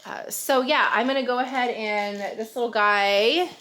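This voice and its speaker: Fairly high-pitched and a bit bright, a young woman vlogger who's a stay-at-home mom rambles casually to camera at normal speed. She laughs frequently, and her voice is somewhat nasal and congested.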